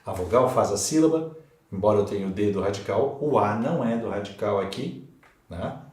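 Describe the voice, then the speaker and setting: A Brazilian man teaching a Portuguese grammar lesson for exam prep, in a slow and emphatic way. He repeats key words and checks in with the class. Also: fairly low pitch, lively intonation, darkish tone. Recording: echoey room.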